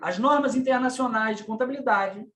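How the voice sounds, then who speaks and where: A man's voice: extremely high pitch, a little fast, fairly bright tone. A middle-aged man with a Brazilian Portuguese accent giving a lecture to business owners on tax matters. He teaches didactically, addresses listeners directly and asks them rhetorical questions. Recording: echoey room.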